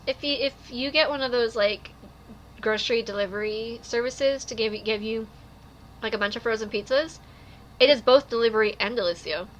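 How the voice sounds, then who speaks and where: Woman podcast co-host, bright tone, slightly high, playful banter, faint noise behind. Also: moderate pace. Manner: playful, jokey, repeats catchphrases. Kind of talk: casual podcast chat.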